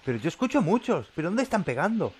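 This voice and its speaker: A man's voice: sits high, big pitch swings, fast, husky. Jumpy, swearing gamer man. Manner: jumpy, swearing, yelping when frightened. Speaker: gameplay commentator. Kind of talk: let's play commentary.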